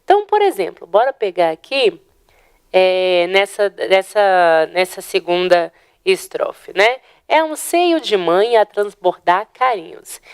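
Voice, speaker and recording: Brazilian female teacher, patient explainer, smooth resonant tone, close and dry. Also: medium pitch, big pitch swings, no room sound. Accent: Brazilian Portuguese. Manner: explains step by step with frequent "né?" check-ins; counts syllables aloud slowly. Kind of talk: online exam-prep lesson.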